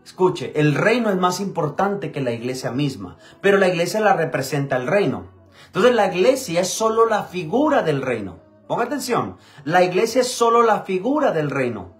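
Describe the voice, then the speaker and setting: A man's voice: sits high, big pitch swings, moderate pace, faint music behind. A man preaching a sermon as pastor, repeating phrases and calling for answers from his listeners. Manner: preaching with repetition and call-and-response.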